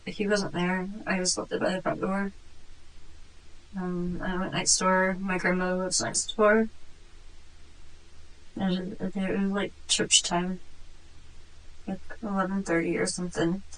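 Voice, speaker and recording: A woman with a husky voice answers police questions as a cornered suspect, halting, subdued and upset. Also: on the low side, flat delivery, fairly bright tone, rough recording. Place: police interview room.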